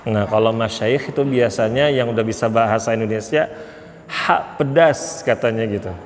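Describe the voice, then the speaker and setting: A man teaching a class of men Arabic letter pronunciation, drilling sounds slowly and correcting each student patiently. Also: lowish voice, fairly even intonation. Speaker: Quran recitation teacher. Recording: long reverb with faint background hiss.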